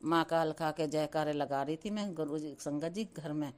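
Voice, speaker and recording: A woman's voice: low-pitched, steady tone, moderate pace. A middle-aged woman telling a devotional testimony, repeatedly addressing listeners and chanting words of thanks. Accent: Hindi with Punjabi-flavoured devotional terms.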